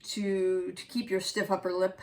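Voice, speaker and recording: A woman's voice: mid-range voice, flat delivery, unhurried, darkish tone. A woman giving a casual, reflective tarot reading, musing aloud and correcting herself as she goes. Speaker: tarot reader.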